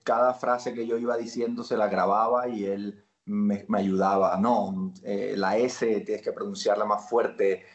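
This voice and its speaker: A man's voice: on the low side, unhurried, hardly any pauses, roomy sound, highs cut off. A man from Barranquilla with a Colombian Caribbean accent, an actor guest telling stories in casual interview chat. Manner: animated storyteller, laughs while acting out lines.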